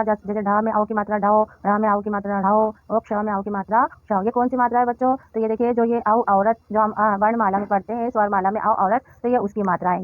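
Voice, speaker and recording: A woman teacher slowly working through a children's workbook, sounding out syllables one by one and addressing the children. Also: mid-range voice, dry recording, narrow, tinny audio. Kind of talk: slow classroom explanation.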